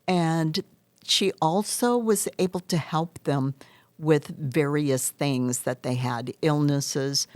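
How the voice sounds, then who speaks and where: Slow, low-voiced woman explaining her hypnosis practice. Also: darkish tone, dry recording. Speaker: hypnotherapist interview guest. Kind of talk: interview answers, explanatory storytelling.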